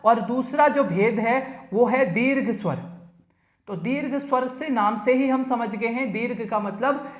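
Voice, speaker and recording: A man teaching a grammar lesson to exam students. He repeats key points, quizzes the listener, and draws out the vowel sounds he demonstrates. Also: very high-pitched. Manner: drawn-out, stretched vowel demonstrations. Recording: echoey room.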